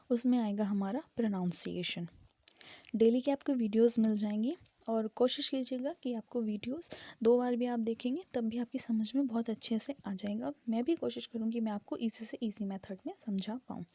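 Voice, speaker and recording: A woman giving a casual spoken grammar lesson, explaining step by step and slowly spelling out syllables. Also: on the high side, dark tone, no room sound. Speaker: English grammar teacher.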